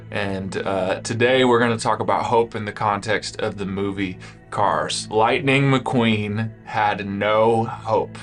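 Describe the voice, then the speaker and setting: A young man preaching a recorded sermon to small groups, talking casually and lightheartedly with plenty of fillers. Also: lowish voice. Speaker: pastor. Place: indoors with a cameraman.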